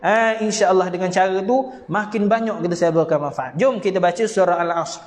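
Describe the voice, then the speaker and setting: A man's voice: high voice, fairly quick, in a large hall. A man with a Malaysian Malay accent teaching Quran recitation online, repeating each point earnestly and chanting the verses as examples. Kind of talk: online Quran reading lesson.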